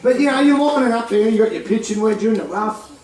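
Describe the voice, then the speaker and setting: A high-voiced Australian man cracks jokes and banters with a live crowd at a crocodile feeding show. He is heard from a distance, with an echoey ring around his voice. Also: lively intonation, quick pace, darkish tone. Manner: jokey, teasing banter with the audience. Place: outdoor crocodile farm show area.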